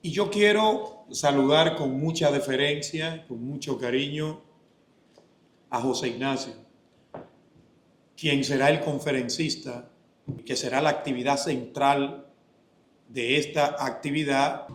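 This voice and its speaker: A man from the Dominican Republic giving a formal welcome speech as an institute official, measured and exhortative. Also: medium pitch. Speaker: institute official opening a seminar. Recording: echoey lecture hall.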